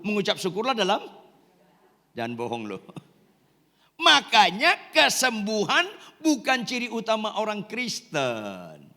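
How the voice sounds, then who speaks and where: Man preaching, bright tense voice, jumps all over the place, jokes around, echoey hall. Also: sits high. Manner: animated, joking, quizzing the congregation, shouting at times. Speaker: pastor. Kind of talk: lively sermon.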